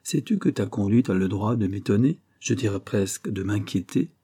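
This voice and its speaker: A man's voice: lowish voice, normal speed, warm tone, husky. A man reading the part of a confident young married woman who scolds and questions her cousin insistently. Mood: chiding.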